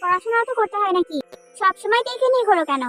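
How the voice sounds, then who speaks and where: A woman's voice: very high-pitched, animated, racing, sharp tone, faint music behind, pitched above the performer's own voice, heavily acted. A woman voicing a nagging, middle-aged village aunt who scolds sharply. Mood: scolding.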